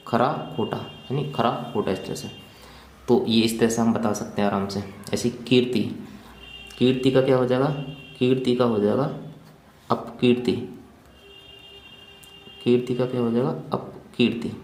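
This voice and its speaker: A man's voice: mid-range voice, a little mellow, slight background noise. Man drilling a grammar lesson, echoey room. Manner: repetitive question-and-answer drilling, explaining while writing. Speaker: teacher. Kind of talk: Hindi grammar lesson for exam prep.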